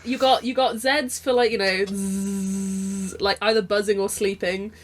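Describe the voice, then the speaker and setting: A woman's voice: medium pitch, brisk. Bubbly rambling woman podcaster. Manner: bubbly, rambling, backtracks mid-sentence. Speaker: podcast co-host. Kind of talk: casual chat.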